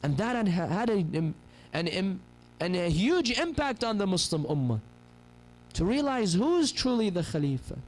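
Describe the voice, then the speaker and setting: Seated on a pulpit chair in a mosque hall, a man in his thirties preaches into a gooseneck mic on a stand. His high, slightly mellow voice is very animated at a measured pace as he tells stories passionately and acts out their characters, though the recording is rough.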